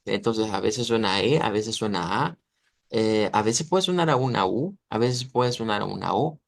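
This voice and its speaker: In a fairly low, gravelly voice at normal speed, a man from Latin America explains pronunciation during an online language class. The recording has no echo, and he patiently checks again and again that his students understand.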